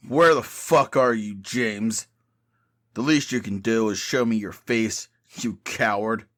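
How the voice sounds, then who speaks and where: A man voicing an arrogant captive lawyer who shouts defiant insults. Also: fairly low pitch, slow pace, pitched above the performer's own voice. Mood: furious defiant.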